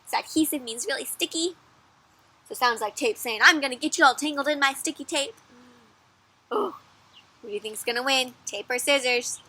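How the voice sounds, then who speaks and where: A woman storyteller with a high, bright voice reads aloud to children in an animated way. She's expressive, asking the kids questions and using gasps and dramatic pauses.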